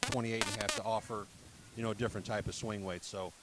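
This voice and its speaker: A man's voice: on the low side, steady tone, fast talker. A man representing a bat company, speaking in a casual broadcast interview and filling his talk with "you know" and "um". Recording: crowd noise behind.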